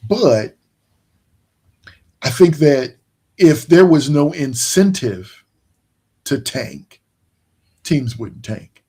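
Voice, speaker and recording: Mellow-voiced man talking sports. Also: on the high side, lively intonation, slightly rough. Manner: rambling, many restarts and fillers, slow emphatic points. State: yawning, tired. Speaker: podcast host. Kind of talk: casual sports chat.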